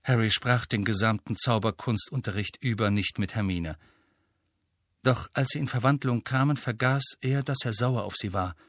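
A man narrating an audiobook in an expressive, measured storytelling manner. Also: lowish voice, no room sound. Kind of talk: scripted narration.

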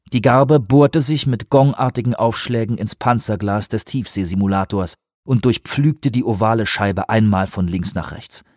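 Low-voiced man narrating an audiobook. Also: darkish tone, dry recording, studio quality.

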